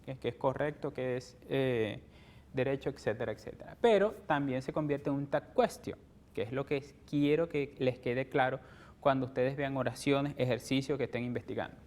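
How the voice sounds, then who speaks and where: A man's voice: mid-range voice, normal speed, darkish tone. A man with a Venezuelan Spanish accent teaching an English grammar lesson, explaining step by step and checking in with "ok?" after nearly every point. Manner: explains step by step, ends phrases with "¿ok?". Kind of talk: televised classroom lesson.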